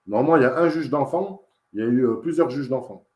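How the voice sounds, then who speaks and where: A man's voice: mid-range voice, quick pace, warm tone, roomy sound. A man giving a casual, emphatic testimony as an interviewee, telling his story in a repetitive, insistent way. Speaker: interviewee, father in dispute with social services.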